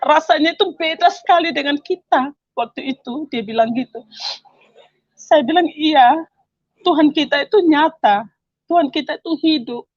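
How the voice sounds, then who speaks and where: A woman's voice: sits high, no echo, lo-fi sound. A middle-aged woman telling her personal faith testimony in an earnest, emotional way, her voice rising and at times tearful. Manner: earnest, emotional, voice rising when praising God. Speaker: testimony speaker.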